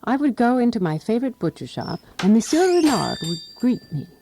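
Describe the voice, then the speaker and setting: A woman's fairly high voice swings widely in pitch and runs a little fast, with music in the background. She narrates a scripted first-person radio drama as a prim, wry resident of 1920s Paris, reminiscing in a precise, dryly disapproving way.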